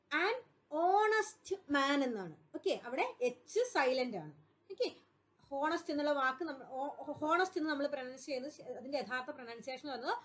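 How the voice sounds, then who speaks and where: A woman with a Malayali accent teaching English grammar for an exam class, patiently repeating points and answering her own questions. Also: sits high. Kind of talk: explanatory exam-prep lesson.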